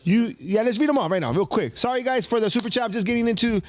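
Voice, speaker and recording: A man's voice: very high-pitched, animated, fast talker, slight background noise. A man co-hosting a podcast in casual, slangy banter, calling everyone fool and dog. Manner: loud, slangy, calls everyone fool and dog, laughs often. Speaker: podcast co-host.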